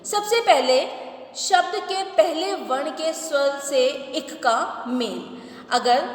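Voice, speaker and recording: Woman teacher, high voice, slow and patient, checks understanding often; echoey room with long reverb. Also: a bit bright. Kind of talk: grammar lesson.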